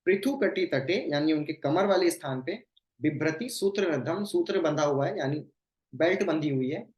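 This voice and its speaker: A scripture teacher giving a devotional class. The teacher recites Sanskrit verses slowly, explains them with English phrases mixed in, and asks rhetorical questions with a checking "hmm?". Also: mid-range voice, animated, darkish tone. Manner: mixes English phrases into the talk. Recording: roomy echo.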